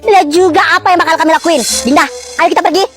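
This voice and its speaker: A woman's voice: very high voice, fairly even intonation, rapid-fire, a bit bright. A woman voicing a dubbed comedy drama skit about rival school cliques, talking in a bickering, taunting, sassy way. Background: background music.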